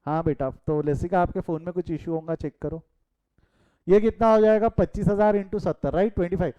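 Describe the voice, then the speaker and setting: A man's voice: high voice, steady tone, fairly quick, warm tone, highs cut off. Chatty Indian man teaching an online class. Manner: mixes Hindi and English, quizzes students, chatty asides. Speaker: commerce teacher. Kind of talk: live online class lecture.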